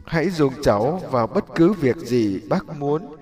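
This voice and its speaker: A man's voice: on the high side, lively intonation, a little slow, darkish tone, faint music behind, voice pushed up. A man voicing a young bamboo in a storybook parable, pleading in fear and then yielding humbly. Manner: pleading, tearful.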